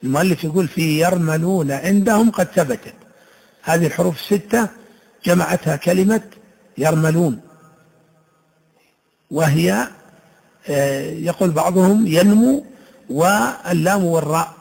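A man teaching Quran recitation rules, explaining slowly and reciting each example word in a drawn-out way. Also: fairly high pitch, gravelly, darkish tone, husky, rough recording.

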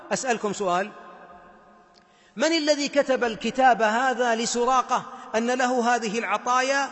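A male preacher with a Gulf Arabic accent delivers an impassioned sermon in a strikingly high voice. He pulls the listeners in with rhetorical questions. His voice carries a long, echoing reverb from a large hall. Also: fairly bright tone.

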